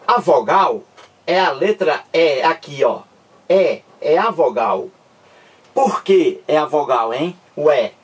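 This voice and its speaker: Man teaching grammar, slightly high voice, husky tone, slow and repetitive delivery. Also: expressive, far from the mic. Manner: slow, repetitive, checks understanding with the class. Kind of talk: grammar lesson.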